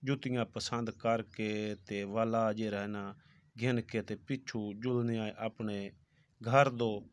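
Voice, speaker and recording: Speaking unhurriedly in a fairly low, steady voice with a clean tone, a Punjabi village vlogger in his thirties from Pakistan narrates for his viewers. He holds the phone at arm's length, moving from village roads outdoors into a shoe shop, and keeps saying "viewers" throughout this casual travel narration.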